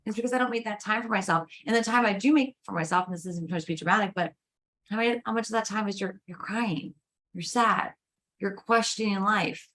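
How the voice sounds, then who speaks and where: A woman's voice: medium pitch, brisk, a bit bright. A woman guest coach speaking in casual interview chat, emphatic and persuasive, leaning on rhetorical questions.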